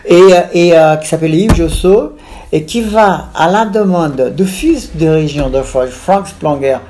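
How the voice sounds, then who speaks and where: A woman's voice: low voice, unhurried, warm tone, slight background noise. Digressive woman in her sixties. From Brazil. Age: 60s. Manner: digressive, piles up lists and restarts. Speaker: author being interviewed. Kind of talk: conversational interview.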